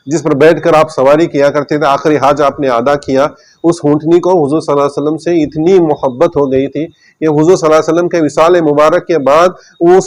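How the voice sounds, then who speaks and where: A male preacher with a somewhat high voice tells devotional stories in a daily sermon. He speaks with feeling, repeats key phrases, and sinks low and quiet at the sad parts. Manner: emotive retelling with repeated phrases.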